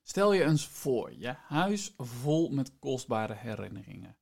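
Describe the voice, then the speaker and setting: A man's voice: medium pitch, sing-song, measured pace, creaky, a little mellow. A man hosts a podcast, explaining things in a semi-scripted way and addressing the listener directly. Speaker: podcast host.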